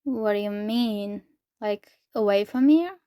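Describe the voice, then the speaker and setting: A woman's voice: medium pitch, slow, dark tone, clear, resonant tone, dry recording, studio quality, natural voice. A woman reading the lines of a sheltered, timid teenage daughter from a book, with hesitant, stammering speech.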